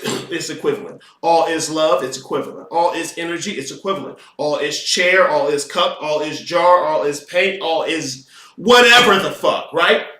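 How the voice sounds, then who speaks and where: A man hosting a podcast, lecturing in an impassioned, profane monologue that swings between quiet asides and loud, emphatic outbursts. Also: a little high, echoey room, far from the mic. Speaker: podcast host lecturing on occult philosophy.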